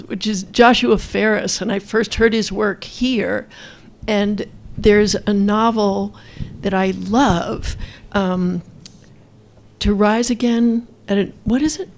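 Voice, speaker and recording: A woman speaks off the cuff in a literary discussion. Her medium-pitched voice has a clear creak, and she rambles along with enthusiasm.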